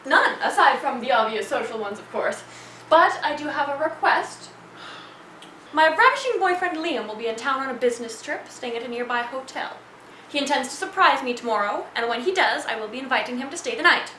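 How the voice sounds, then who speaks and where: A woman's voice: high voice, lively intonation, brisk, pushed and bright, a little hiss or hum. An actress playing a haughty, prim young woman who speaks in stiff, formal phrases and turns indignant easily. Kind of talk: comedy web series acting.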